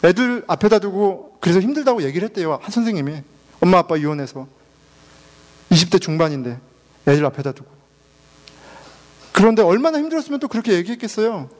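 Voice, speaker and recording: High-voiced fervent Korean pastor. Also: male voice, expressive, fast, long pauses. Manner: fervent, rising to emphatic peaks, mixing in English words. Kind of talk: sermon.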